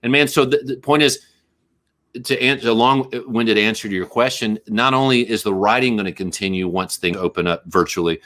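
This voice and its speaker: A man's voice: fairly low pitch, a little fast. Rambling, jokey male musician guest. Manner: rambling, animated, jokey riffing. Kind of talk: casual interview chat.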